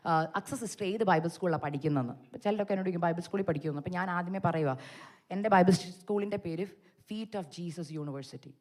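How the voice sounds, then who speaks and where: A young Malayali woman preacher giving a testimony sermon, telling her story with animated storytelling and acting out the dialogue. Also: fairly low pitch. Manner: animated storytelling, acts out her own cries and the Lord's words.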